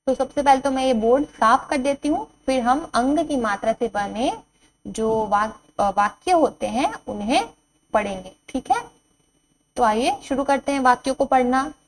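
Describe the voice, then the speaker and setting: Woman teacher for small children, higher voice, stretches every word and says it twice, faint hum on the track. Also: expressive, poor audio. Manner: slow, drawn-out reading of each word, then repeating it; asks the children questions and answers them herself. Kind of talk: classroom lesson at a board.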